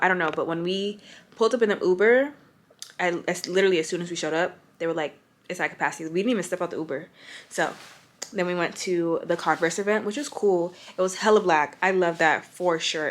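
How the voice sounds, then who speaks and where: A woman's voice: on the low side, a little hiss or hum. A young adult woman talking casually to camera in a fashion vlog, chatty and slangy, speaking straight to her viewers. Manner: chatty, slangy and relaxed, addresses viewers directly. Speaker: fashion influencer.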